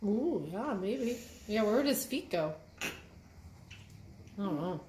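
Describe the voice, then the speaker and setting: A woman reads aloud with a child, slowly stretching out words to teach how to sound them out, mixing the phonics lesson with casual chat. Her mid-range, darkish voice has lively intonation. The room is echoey, and she sounds slightly distant against faint background noise.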